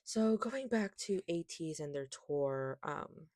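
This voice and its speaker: A woman's voice: low-pitched, expressive, takes it slowly, a little mellow, no room sound, clean studio sound. A woman with a lisp that makes her s slushy, chatting casually and rambling, often interrupting herself. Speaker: vlogger, K-pop collector. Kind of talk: casual rambling haul chat.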